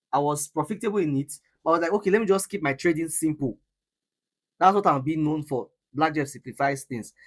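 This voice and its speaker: Brief: male trading coach, slightly high voice, emphatic, repeats himself, live Q&A host. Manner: emphatic, repeats words, teasing laughs. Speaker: forex trading coach hosting live session. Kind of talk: live online trading lesson with Q&A.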